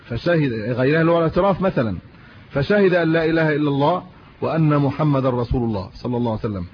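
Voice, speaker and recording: Speaking very fast and expressively in a fairly high voice, this man teaches religion with an Egyptian Arabic accent. He reads from classical texts, then unpacks them in plain, everyday language, posing rhetorical questions, all on muffled lo-fi audio carrying a faint hiss.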